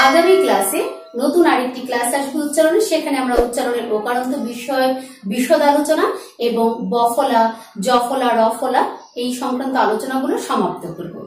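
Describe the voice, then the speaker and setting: Woman teacher with a high voice, spelling out words slowly in a pronunciation class. Recorded in a strongly echoing room, well off the mic. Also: a little hiss or hum. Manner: slow, drawn-out demonstration of words; addresses students as friends. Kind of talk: pronunciation lesson. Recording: very echoey, from far off the mic.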